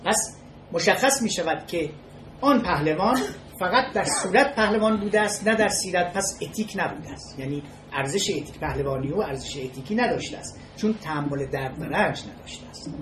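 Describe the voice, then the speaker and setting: A measured lecturer talks in short, halting phrases and often repeats a key word before moving on. The voice sits at an ordinary middle pitch. It echoes around the room, with a faint hiss of noise underneath. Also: fairly bright tone. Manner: measured and halting, restating key words and pausing between phrases. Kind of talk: spoken lecture on ethics with storytelling.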